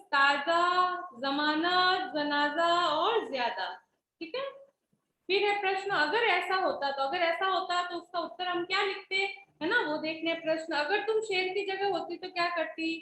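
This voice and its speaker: A woman's voice: very high voice, pushed and bright, reverberant, slight background noise, rough recording. A woman teacher explaining a Hindi lesson patiently, often checking that her pupils follow. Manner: patient, keeps checking with "है ना?" and "ठीक है?".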